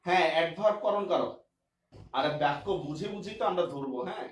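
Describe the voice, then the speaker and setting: A man with a slightly high voice talks fast while teaching an online grammar lesson, repeating examples and often checking that students understand. The recording sounds echoey, with a distant mic and faint noise.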